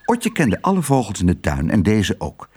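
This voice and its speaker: A man reads a storybook aloud. His voice is husky and swings widely in pitch as he reads. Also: moderate pace. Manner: lively, expressive reading. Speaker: narrator. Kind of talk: storybook narration.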